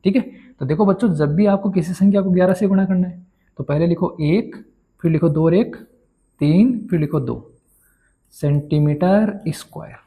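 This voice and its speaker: In a classroom-style maths lesson, a man keeps posing questions to his students and then answering them himself. His voice is high-pitched and mellow, at a moderate pace.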